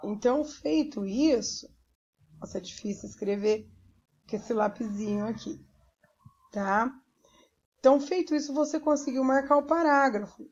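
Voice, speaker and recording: A woman's voice: on the high side, a little mellow. A Brazilian woman teacher giving a primary school lesson, patiently spelling out sounds and syllables one by one. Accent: Brazilian Portuguese. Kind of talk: remote classroom lesson. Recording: dull lo-fi recording.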